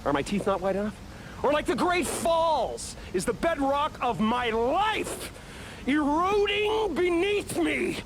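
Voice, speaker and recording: An actor's high-pitched, sing-song voice moves fairly quickly over background noise as he plays a bitter field news reporter in a comedy film. Speaking live on location, he's sarcastic and resentful and works himself up to shouting.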